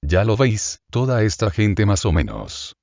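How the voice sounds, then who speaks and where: A man's voice: on the low side, sing-song, measured pace, gravelly, darkish tone, no room sound, dull audio, heavily acted. A man voicing a scheming middle-aged female innkeeper who whines and fawns over a rich guest, in an audiobook reading. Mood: lamenting. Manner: plaintive, wheedling, fawning.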